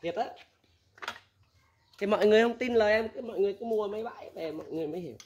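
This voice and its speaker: A man's voice: sits high, racing, darkish tone, a little hiss or hum. A man, casually giving blunt, candid advice as a used machinery dealer, laughing often.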